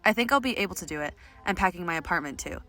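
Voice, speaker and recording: A woman's voice: lowish voice, expressive, racing, sharp tone. A woman reading personal journal entries aloud in a candid, plain-spoken way.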